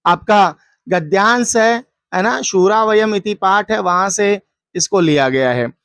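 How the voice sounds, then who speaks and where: A woman's voice: medium pitch, no room sound. Woman teacher walking through exam answers. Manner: asks and answers her own questions; recites verses in a slow chant. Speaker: Sanskrit teacher. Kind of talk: exam paper walkthrough lesson.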